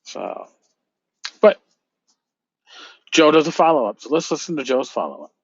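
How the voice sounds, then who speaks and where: A man's voice: a little high, very animated, normal speed, husky, dull audio. A man hosting a casual solo podcast, musing and rambling as he repeats phrases for emphasis. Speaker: podcast host.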